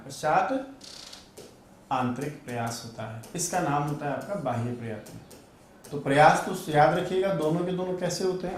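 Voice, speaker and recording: A man's voice: fairly high pitch, heavy reverb, slight background noise. A man teaching Sanskrit grammar in an online exam-prep class, repeating key terms and asking and answering his own questions.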